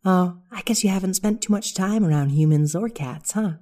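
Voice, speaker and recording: A woman's voice: fairly low pitch, moderate pace, dark tone, voice pushed up, lightly acted. A woman voicing a cheeky young girl schnauzer puppy who talks in a teasing, breezy, self-assured way. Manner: teasing, breezy and sure of herself.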